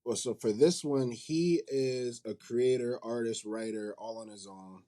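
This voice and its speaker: A man with a medium-pitched, dark voice talks a little slowly as an interview guest. He is the CEO of a manga company, and the casual interview chat finds him informal, slangy, and conversational.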